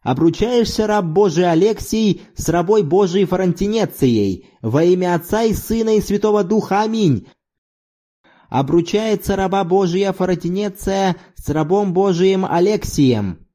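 A man's voice: a little high, animated, unhurried, voice pushed up. A man reading an audiobook, voicing an exuberant, playful middle-aged man who half-chants like a church singer. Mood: chanting. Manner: loud, theatrical, mock-chanting like church singing. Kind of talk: audiobook character voice.

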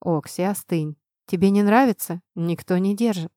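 A woman reading an audiobook, voicing a self-assured young male student leader who lectures calmly and commandingly. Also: on the low side, moderate pace, no room sound, studio quality, lightly acted. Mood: lecturing. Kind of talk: audiobook narration.

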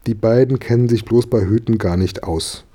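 A man voicing a warm-hearted mother in a children's storybook reading, speaking in a soothing, coaxing way. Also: fairly low pitch, moderate pace, breathy edge. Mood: reassuring.

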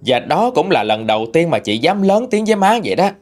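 Expressive Southern Vietnamese male storyteller. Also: a little high, a little fast, soft background music. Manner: expressive, gossipy. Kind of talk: narrating a true-life story.

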